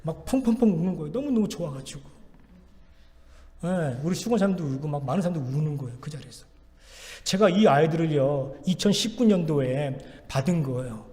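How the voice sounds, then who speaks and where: A man's voice: on the high side, expressive, fairly quick, darkish tone, in a large hall. A man preaching a sermon as pastor in a church, urging and repeating exhortations with strong emphasis. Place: church sanctuary.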